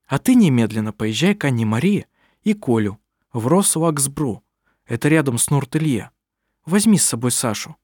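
A man reading aloud, voicing a proud, sharp-tongued middle-aged witch who is a mother, with dry, cutting remarks. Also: a little high, dry recording, voice pushed up.

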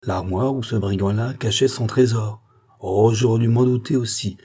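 A man's voice: fairly low pitch, steady tone, normal speed, mellow, husky. A man voicing a sick, bitter old male locksmith who grumbles with resentment. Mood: resentful.

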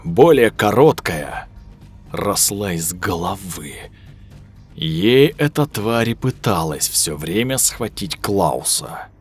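A man narrating a scripted horror story in a measured, hushed way. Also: low voice, slightly rough. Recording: dry studio voice over soft music.

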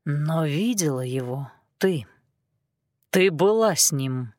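A woman voicing a young man who speaks slowly, quietly and with soft menace. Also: level tone, no echo, clean studio sound. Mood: quietly menacing. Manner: low, quiet, slow and menacing.

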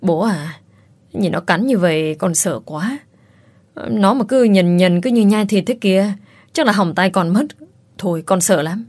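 A woman's voice: mid-range voice, a little slow, a little mellow, no echo, lightly acted. A hulking but cowardly grown son, played by a woman narrator, stammering and timid when he talks to his father. The voice is close and dry. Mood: fearful.

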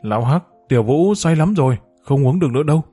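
A sober young doctor voiced by a man reading a storybook speaks firmly and with concern, sometimes pitching up as he pleads. His tone is mellow and warm, over faint music. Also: animated, quick pace, slightly rough. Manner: firm, concerned. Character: sober, worried young male physician.

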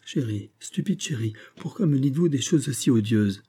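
A man's voice: medium pitch, expressive, moderate pace, dark tone, slightly rough, voice pushed up. A man voicing a proud, restless young society woman who speaks with impatient, imperious vehemence in an audiobook reading. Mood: anxious vanity.

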